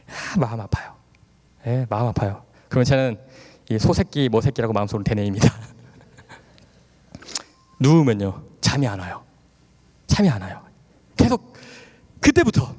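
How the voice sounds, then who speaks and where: A man in his thirties giving a testimony sermon at a church camp, telling stories with animated acted-out dialogue and frequent laughter. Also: mid-range voice. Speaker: guest speaker at a church camp. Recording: long hall reverb.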